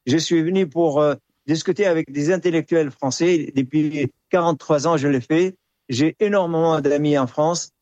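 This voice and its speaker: A man's voice: on the high side, moderate pace, darkish tone, no room sound. A man from Syria giving a hesitant, earnest testimony as a radio guest, restarting his words often. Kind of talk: phone or studio interview testimony.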